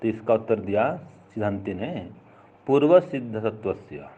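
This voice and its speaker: A man's voice: lowish voice, lively intonation, normal speed, mellow, dull audio. A man teaching a classical philosophy text, explaining each point patiently with everyday examples and going over it again.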